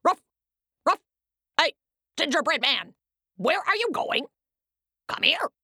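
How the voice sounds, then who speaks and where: A woman's voice: high-pitched, very animated, slow, bright, forceful tone, no echo, studio quality, voice pushed up, full character voice. A woman voicing a hungry dog that barks and coaxes the gingerbread man over. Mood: coaxing. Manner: coaxing.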